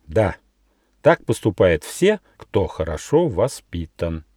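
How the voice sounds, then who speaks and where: A man's voice: sits low, sing-song, takes it slowly, mellow, breathy edge, dry recording, studio quality, full character voice. A man voicing a kind but fussy little male gnome who lectures about good manners. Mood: cheerful, lecturing. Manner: orderly, lecturing.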